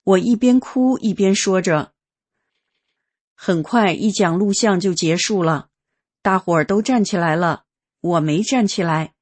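A woman reading a first-person testimony aloud in a calm, earnest storytelling manner. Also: on the low side, unhurried.

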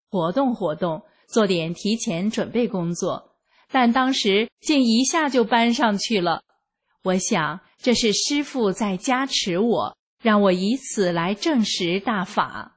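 A woman reading a first-person testimony aloud in a slow, measured, earnest narration. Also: medium pitch, husky.

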